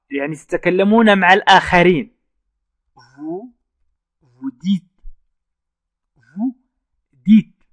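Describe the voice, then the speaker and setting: Man slowly teaching French verbs. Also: on the high side, no echo. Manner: slow, repeats French phrases word by word. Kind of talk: online language lesson.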